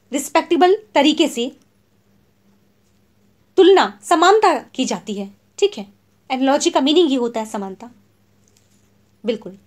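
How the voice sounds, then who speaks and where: A woman teacher explaining English literary terms in a Hindi exam lesson. She reads English definitions slowly and word by word, then explains them in Hindi, often checking in with "theek hai". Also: high voice.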